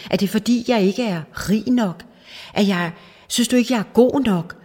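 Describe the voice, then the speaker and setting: A woman's voice: mid-range voice, darkish tone, voice pushed up, natural voice. A woman doing an anxious young bridegroom. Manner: pleading, insecure questioning. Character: anxious young bridegroom, worried it is his fault. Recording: long hall reverb.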